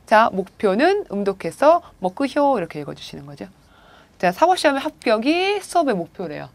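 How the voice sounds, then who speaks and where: A woman's voice: mid-range voice, sing-song, brisk, vocal fry, dry recording. A woman teaching a recorded video lecture on vocabulary, guiding students with frequent prompts and rhetorical questions. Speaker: Japanese language teacher.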